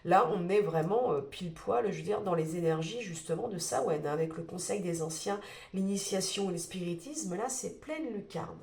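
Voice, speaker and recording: A woman's voice: fairly low pitch, moderate pace, creaky, a little mellow. A woman with a cold and a blocked nose giving a spoken tarot reading, searching for words with many fillers and restarts. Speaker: tarot card reader. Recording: roomy echo.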